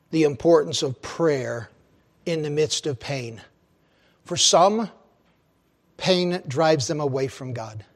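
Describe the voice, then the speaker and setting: A man preaching a sermon, telling stories with big swings in loudness and slowing low for emphasis. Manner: slows and drops low for emphasis. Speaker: pastor.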